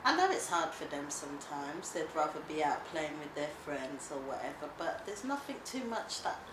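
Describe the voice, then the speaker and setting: A middle-aged woman talks openly in an interview, her voice pitched a little low and full of feeling. She laughs easily between heartfelt words. The room is echoey, with noise in the background. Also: very animated, moderate pace. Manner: warm, emotional, laughs easily. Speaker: interviewee, mother and grandmother. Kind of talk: casual documentary interview.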